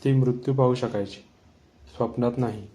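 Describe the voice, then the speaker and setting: A man playing a grave old village schoolmaster who speaks in a measured, knowing way. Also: mid-range voice, steady tone, mellow, slight background noise, natural voice.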